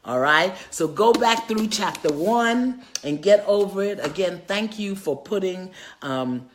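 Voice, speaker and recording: An older woman, an author and spiritual teacher, talking casually on a live video, lively and chatty as she greets viewers by name. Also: mid-range voice, unhurried, a little hiss or hum.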